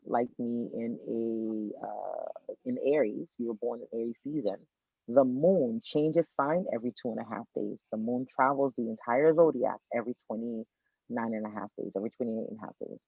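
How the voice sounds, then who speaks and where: An astrologer from Miami, Florida explains birth charts as a podcast guest, his mid-range voice a bit creaky. He has a lively, teacherly energy and keeps circling back to restate his main points. The sound is tinny and phone-like, dry and close with no echo.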